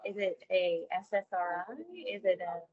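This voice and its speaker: Upbeat woman, husky lo-fi voice. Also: lowish voice, flat delivery, moderate pace, no room sound. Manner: chatty and upbeat, calls herself a nerd. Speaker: podcast co-host. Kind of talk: casual chat. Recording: dull lo-fi sound.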